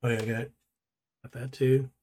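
Regular guy podcasting, rambling along easygoing, mid pitched voice. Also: flat delivery, moderate pace, darkish tone. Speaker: podcast co-host. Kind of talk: casual chat.

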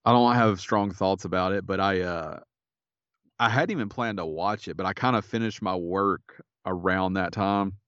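A man's voice: low-pitched, steady tone, moderate pace, fairly bright tone, clean tone, no echo, highs cut off. A man co-hosting a podcast, chatting casually in a laid-back, somewhat tired way. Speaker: podcast co-host. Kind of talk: casual chat.

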